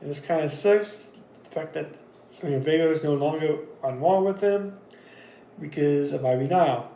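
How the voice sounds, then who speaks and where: A man talks through his wrestling picks in a casual, rambling monologue, stopping and restarting his sentences often. His voice is mellow and dark. The recording has a roomy echo with a faint background hum. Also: fairly high pitch, moderate pace. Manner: rambling, with many fillers and restarts. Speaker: wrestling channel host. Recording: echoey room.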